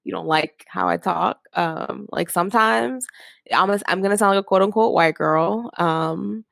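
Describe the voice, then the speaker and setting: A woman's voice: mid-range voice, moderate pace, vocal fry, fairly bright tone, no echo. A woman from Philadelphia co-hosting a podcast, talking in a frank, rambling way full of "like" fillers. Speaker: podcast co-host. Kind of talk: casual discussion.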